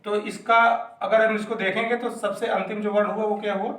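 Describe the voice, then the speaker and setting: A man's voice: sits high, little pitch movement, fairly quick, a bit bright. A man teaching a grammar lesson patiently, asking questions and answering them himself. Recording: echoey room, mic at a distance.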